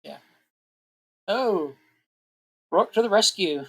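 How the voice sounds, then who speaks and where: A woman's voice: mid-range voice, animated, slow, a bit bright, slightly rough. A woman narrating as game master in a casual, chatty way, laughing often and restarting her sentences now and then.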